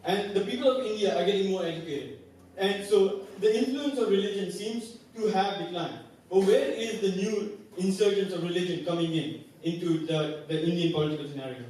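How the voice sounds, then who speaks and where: A man asking a question from the audience at a public talk, hesitant and halting. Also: high voice, darkish tone. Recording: very echoey hall, distant mic, background noise.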